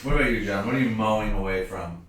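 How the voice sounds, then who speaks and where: A man hosting a casual chat, joking and rambling, with bits of slow deadpan. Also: on the low side. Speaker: host, camp staff member. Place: indoor room with a couch. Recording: roomy, distant mic with background noise.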